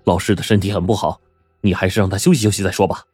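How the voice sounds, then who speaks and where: Guy as earnest young doc, apologetic, husky voice. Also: low-pitched, steady tone, very fast, darkish tone, dry recording, studio quality, soft background music. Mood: contrite. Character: guilty young male doctor, earnest and polite.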